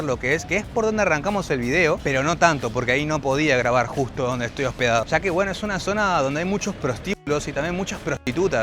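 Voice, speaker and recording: A young Argentine man vlogging as he walks, talking directly to his viewers like friends in an Argentine Spanish accent. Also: a little high. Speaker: travel vlogger. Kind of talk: casual walking travel vlog. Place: outdoors on busy city streets. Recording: outdoor street noise and traffic.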